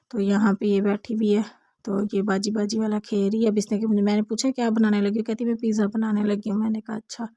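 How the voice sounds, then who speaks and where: A woman's voice: medium pitch, mellow, dry recording, clean studio sound. A young woman, a mother chatting casually to her viewers in a home vlog. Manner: chatty, addresses viewers directly. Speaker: vlogger, mother.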